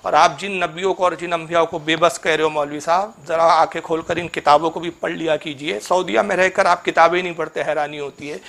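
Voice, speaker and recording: A man's voice: fairly high pitch, fairly bright tone. A male Islamic preacher giving a polemical religious talk, sarcastically rebuking a rival cleric and reciting Arabic scripture in a chanting cadence.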